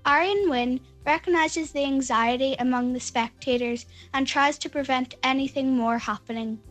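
Female, very high voice, scripted book review, read aloud, music behind. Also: poor audio.

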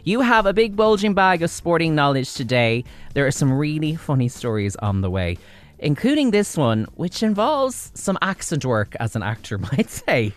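A radio host in a studio, introducing a guest and joking in quick asides. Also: medium pitch, sing-song. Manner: jokey, playful, quick asides. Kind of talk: casual radio chat.

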